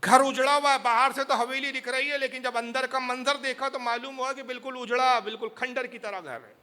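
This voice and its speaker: A man's voice: very high voice, steady tone, sharp tone. A man from India, a preacher telling a story in a sermon with impassioned, dramatic narration.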